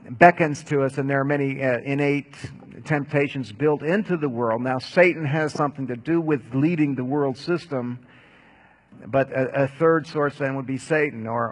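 A man teaching Bible lessons, answering audience questions in a measured, explanatory way. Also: medium pitch.

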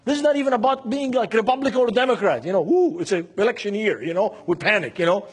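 Preaching at a seminar, a Beirut man with a Lebanese Arabic accent speaks in a high, animated, breathy voice at a quick pace. He hammers key phrases through repetition. He also plays out dialogue and poses rhetorical questions.

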